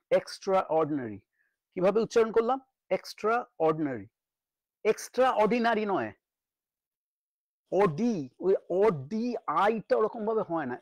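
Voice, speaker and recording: A middle-aged man teaching spoken English, repeating words slowly so students can copy the pronunciation. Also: high voice, no room sound. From Bengal. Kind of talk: spoken English lesson in Bengali.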